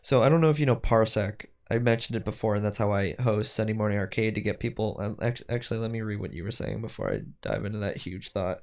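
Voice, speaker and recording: A man's voice: fairly low pitch, lively intonation, quick pace, creaky, few pauses, darkish tone. A man streaming while he does 3D design work, chatting casually and rambling as he thinks aloud and corrects himself. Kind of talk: casual livestream chat while working.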